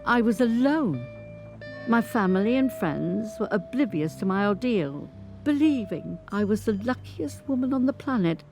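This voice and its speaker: With instrumental guitar under a studio recording, an actress performs a scripted first-person monologue as an 85-year-old grandmother, a dignified survivor of an abusive marriage to a former footballer, narrating her life in a measured, articulate way. Her older, medium-pitched voice is expressive, darkish and close to an everyday voice, with a wistful, resolute mood.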